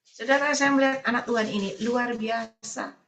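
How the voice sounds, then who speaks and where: Lady evangelist telling stories in a sermon, bright sharp voice, a bit high. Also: fairly even intonation, moderate pace, echoey room, slight background noise. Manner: storytelling, often addresses listeners as brothers and sisters; repetitive, listing phrases. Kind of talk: sermon over Zoom.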